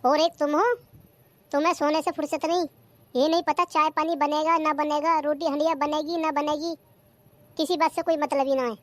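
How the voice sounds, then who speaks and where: A woman's voice: flat delivery, moderate pace, no room sound, natural voice. A performer voicing a bossy, nagging older mother-in-law in a cartoon comedy. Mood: scolding. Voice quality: shrill, nagging.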